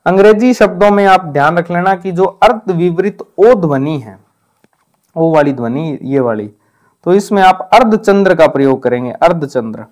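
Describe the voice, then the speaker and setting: A man with a somewhat high voice gives an exam-prep grammar lesson. He drills the correct forms over and over, contrasting them with common mistakes. He checks in with listeners constantly with "ठीक है". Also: measured pace, a little mellow. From Rajasthan. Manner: repeats points with frequent "ठीक है" check-ins. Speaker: teacher.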